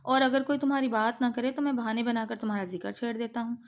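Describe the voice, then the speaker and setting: A brash, wealthy young university man speaks with earnest, pleading intensity in a romance audiobook. A woman reads him out, her tone staying fairly high. The delivery is plain storybook reading rather than a full character voice. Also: steady tone, lightly acted. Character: young man, brash rich student in love.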